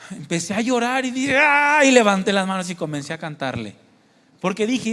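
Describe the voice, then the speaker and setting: A man's voice: high voice, fairly bright tone, long reverb tail. A man preaching a sermon, earnest and personal, asking the congregation questions and calling them brothers and sisters. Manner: tells personal testimony, asks the congregation questions. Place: church hall.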